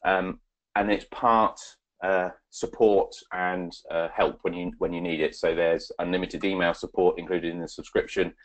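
A man giving a webinar presentation and answering questions, halting with many fillers and restarts. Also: low voice, flat delivery.

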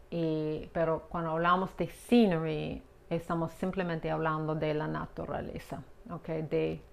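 A woman with a lowish voice teaches pronunciation at a very slow, deliberate pace. She drills each word patiently and checks in often with a quick "ok?". Her English words carry an American accent. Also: vocal fry.

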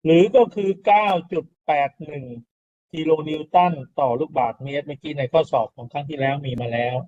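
A man's voice: a little high, expressive, brisk, a little mellow. Lo-fi recording of a lecturing man. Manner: explanatory, repeats key terms, rhetorical questions to students. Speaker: university lecturer. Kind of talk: classroom lecture on soil mechanics. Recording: dull lo-fi classroom recording.

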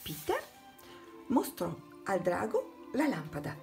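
Woman reading a kids story out loud, lively and dramatic, quiet music behind. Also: mid-range voice, slow, vocal fry. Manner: expressive, dramatic read-aloud. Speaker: storybook narrator. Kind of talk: children's storybook narration.

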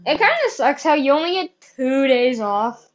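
A woman's voice: high voice, sing-song, normal speed, muffled recording. A woman hosting a live gaming stream, chatty and upbeat, heard through livestream headset mic audio. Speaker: livestream host.

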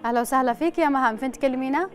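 A woman's voice: sits high, rapid-fire, faint music behind. A woman with a Yemeni accent presenting a live phone-in game show, chatting and playfully teasing callers. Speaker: host of a televised phone-in quiz show.

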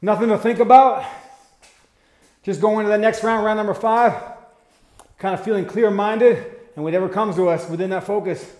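High-pitched male boxing coach, echoey room. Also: fairly even intonation, moderate pace, long pauses, a little mellow. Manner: exerting himself while coaching. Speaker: boxing coach leading a guided workout. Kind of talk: guided workout instruction, short called-out cues and casual encouragement. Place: small bare concrete-block garage gym. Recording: roomy echo, some background noise.

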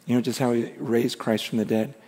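A man preaching a passionate sermon, dropping to a hush and rising loud again. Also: mid-range voice, flat delivery, fairly quick. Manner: passionate, swings between hushed and loud. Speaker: pastor. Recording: long hall reverb.

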